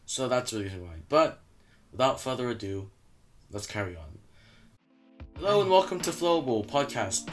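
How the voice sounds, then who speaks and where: A young man hosting a casual podcast chat, rambling and correcting himself with a tired, low-energy delivery. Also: a bit bright. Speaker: podcast host.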